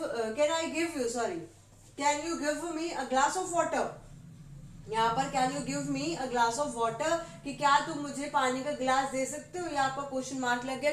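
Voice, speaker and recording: A woman English teacher giving a classroom grammar lesson, explaining in Hindi and reading English example sentences slowly, often checking with "ठीक है". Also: high-pitched. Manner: keeps asking questions and says "ठीक है" often. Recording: roomy with faint background noise.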